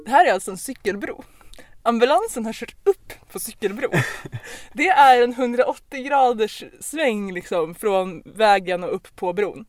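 A woman's voice: a little high, dry recording, clean studio sound. Chatty woman telling an anecdote. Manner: lively, chatty, with many fillers and restarts. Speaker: podcast host. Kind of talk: casual anecdote storytelling. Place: podcast recording.

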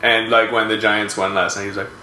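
A man co-hosting a podcast, chatting casually about baseball and family with relaxed, wry storytelling. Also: fairly low pitch, fast talker. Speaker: podcast co-host. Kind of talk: casual chat while watching a baseball game. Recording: roomy room with faint noise.

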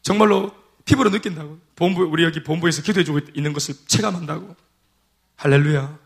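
Pastor guy preaching, high voice, keeps asking for amen. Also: quick pace, creaky. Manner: call-and-response preaching, repeated amens and hallelujahs. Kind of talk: sermon. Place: church sanctuary.

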